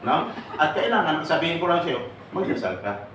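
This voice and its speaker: A man's voice: fairly high pitch, very animated, normal speed. Earnest man lecturing in an echoey hall. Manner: earnest, rhetorical, keeps asking "no?" and "tama?". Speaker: OFW assistance advocate. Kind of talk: seminar talk to an audience. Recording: echoey room with faint background noise.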